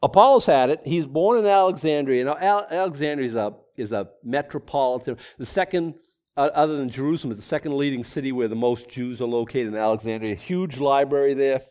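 A middle-aged pastor with a Boston accent gives a conversational Bible-teaching sermon in a mid-range, darkish voice, talking slightly fast. His style is rambling and self-deprecating, with lots of restarts.

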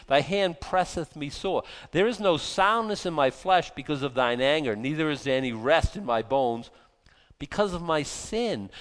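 A man in his fifties giving a casual, rambling sermon, self-deprecating and joking, now and then acting out angry outbursts. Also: a little high. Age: 50s. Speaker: preacher. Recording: long hall reverb.

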